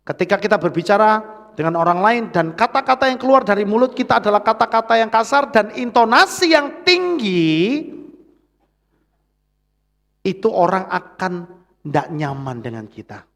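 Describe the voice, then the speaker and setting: High-voiced Javanese preacher in a reverberant hall. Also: male voice, big pitch swings, normal speed, gravelly, long pauses, fairly bright tone. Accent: Central Javanese. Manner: engaging, prods the congregation for "amen". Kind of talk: sermon. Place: church hall.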